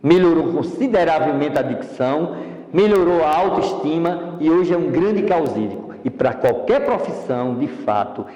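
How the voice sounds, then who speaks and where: A man's voice: on the high side, expressive, normal speed, mellow, roomy sound, long reverb tail, low-quality recording. A man with a Brazilian Portuguese accent teaching a public speaking course in a didactic, explanatory way, recorded in a studio. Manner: didactic, explanatory, demonstrates voice tones.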